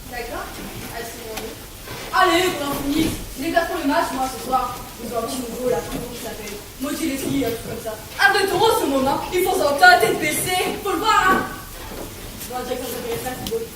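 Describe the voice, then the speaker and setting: An impatient female juror who hurries everyone along in a fast, high voice , played by a teenage girl on stage. The recording is heavily echoey, taken from far off, with a clear layer of hall noise. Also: fairly even intonation, close to an everyday voice. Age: teens. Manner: pushy, hurried. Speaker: student actor. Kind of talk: amateur stage play. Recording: echoey theatre from far off, noisy.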